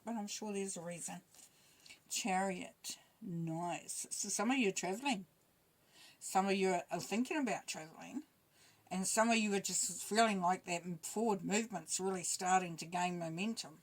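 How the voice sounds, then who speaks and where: A woman giving a casual spoken tarot reading, relaxed and chatty, thinking aloud as she goes. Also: mid-range voice, rough recording. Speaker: tarot reader.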